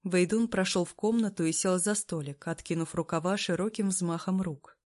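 Woman, storybook narrator, first-person reading, calm, even delivery. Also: fairly low pitch, normal speed.

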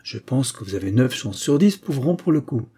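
A man voicing a gruff, skeptical old English pioneer who talks bluntly and with irony in a read-aloud story. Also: medium pitch, sing-song, normal speed, warm tone. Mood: scornful. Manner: blunt and ironic.

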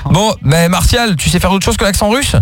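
A man hosting a call-in show from a radio studio, teasing his callers in a loose, joking way. His voice sits high for a man. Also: brisk. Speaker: radio host. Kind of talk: casual late-night call-in chat.

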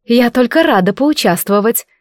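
A woman reading the part of a fiery red-haired goddess in an audiobook, with a slow, drawn-out delivery. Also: on the high side, lively intonation, no echo, studio quality, pitched above the performer's own voice, natural voice. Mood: stern. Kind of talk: audiobook narration.

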